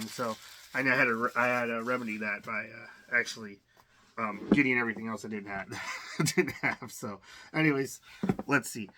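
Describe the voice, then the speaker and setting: Over slight background noise, this adult game collector's mid-range voice sounds bright and forceful. He unboxes games casually, rambling and frequently restarting amid plenty of fillers.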